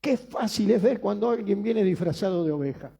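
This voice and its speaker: A man's voice: high voice, animated, brisk, creaky, mellow, breathy edge. A man with a Rioplatense Spanish accent preaching a sermon as pastor, emphatic, repeating phrases and asking rhetorical questions.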